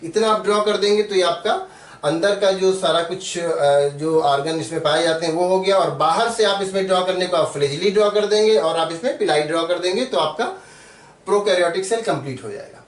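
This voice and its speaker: A man's voice: high-pitched, a little fast, roomy sound, recorded from a distance. A man teaching biology step by step, patiently repeating terms and spelling them out as he draws. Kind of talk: step-by-step drawing tutorial.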